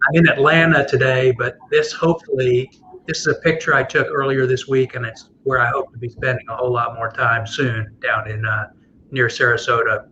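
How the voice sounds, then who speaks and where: A man's voice: medium pitch, little pitch movement, a little fast, bright, forceful tone. A man chatting casually as a guest on a video call. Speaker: guest, attorney. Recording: slightly dull connection, faint background noise.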